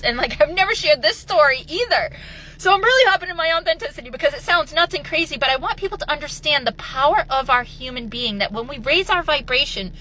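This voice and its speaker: A high, bright woman's voice telling a heartfelt personal story with earnest, animated energy. She slips into the voices of the people she quotes, then returns to her own inspirational tone. A faint hum of ambience sits behind her. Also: low-quality recording. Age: adult with children. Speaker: motivational speaker.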